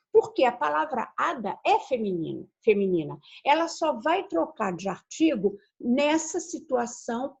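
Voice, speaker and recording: Woman teaching a language class, fairly high voice, very slow and deliberate, dull lo-fi sound. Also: slightly rough. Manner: slow, deliberate, spells out letters and repeats words; asks the class questions, then answers them. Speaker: Spanish teacher. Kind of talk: recorded online class. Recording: dull lo-fi recording.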